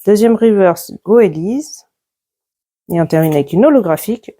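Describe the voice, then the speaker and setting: A YouTuber with a medium-pitched, expressive, mellow voice chats casually at a moderate pace while opening trading card packs. In this pack-opening commentary she is chatty, listing each card one by one as it comes out.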